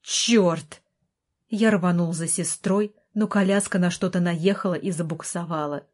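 Woman narrating an audiobook in a mellow voice. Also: fairly low pitch, fairly even intonation, normal speed.

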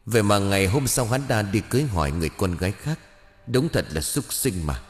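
A man's voice: fairly low pitch, lively intonation, a little fast, long reverb tail, faint music behind, lightly acted. Man voicing a vengeful young woman's ghost. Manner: harsh, spits words one by one. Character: vengeful young female ghost, bitter and grieving.

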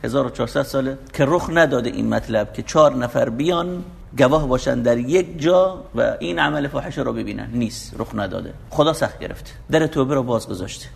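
A man's voice: mid-range voice, gravelly. A man preaching a sermon, explaining scripture verse by verse in an emphatic, urging way.

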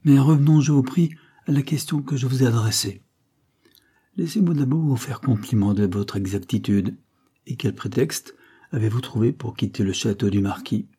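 A man's voice: mid-range voice, moderate pace, warm tone, husky, lightly acted. A man reading the part of a proud false duke who answers coldly and with indignation. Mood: cold, indignant. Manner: stiff, cold and indignant.

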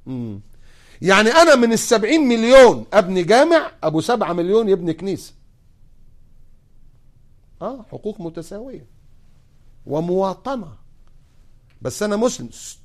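Animated Egyptian sheikh preaching. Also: male voice, sits high, moderate pace, pauses often. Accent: Egyptian Arabic. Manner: animated, mocking, rhetorical questions. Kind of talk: sermon.

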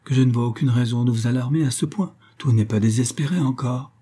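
A man's voice: medium pitch, quick pace, warm tone, husky, lightly acted. A man voicing a timid, awkward clergyman in an audiobook reading, speaking hesitantly.

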